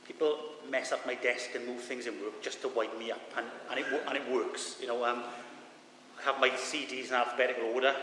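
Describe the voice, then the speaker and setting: A man's voice: mid-range voice, pushed and bright. A man with a thick Swansea Welsh accent giving an informal, self-deprecating sermon as a lay preacher. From Swansea, Wales. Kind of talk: informal sermon with Bible reading. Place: large reverberant church room. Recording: echoey hall, reverberant, with background noise.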